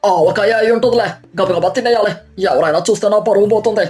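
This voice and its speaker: A woman's voice: mid-range voice, brisk, soft background music, natural voice. A woman voicing a miserly, boastful husband who grumbles and schemes. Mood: scheming. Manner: grumbling, then yelling. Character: miserly middle-aged husband, greedy and boastful.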